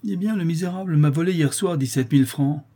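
A man's voice: a little high, fast talker, mellow, husky, pitched above the performer's own voice. A man voicing a stern, furious employer who accuses his clerk harshly. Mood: stern accusing. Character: stern angry male employer, older, merciless.

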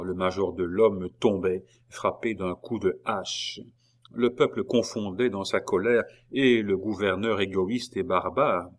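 A man reading a historical novel aloud in a measured, dramatic narration. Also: low voice. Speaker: audiobook narrator. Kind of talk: scripted narration.

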